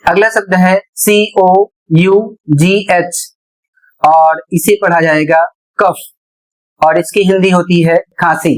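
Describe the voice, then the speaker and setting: Slow, deliberate male language teacher. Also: high voice, fairly even intonation, rough recording. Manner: deliberate, spells words letter by letter. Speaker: English teacher. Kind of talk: slow spoken lesson.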